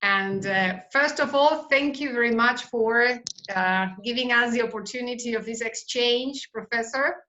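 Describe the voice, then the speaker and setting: Woman hosting an interview on zoom, talks real slow and polite, kind of high voice, muffled call audio. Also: bright, forceful tone. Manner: slow and courteous, with hesitant fillers. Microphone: video call.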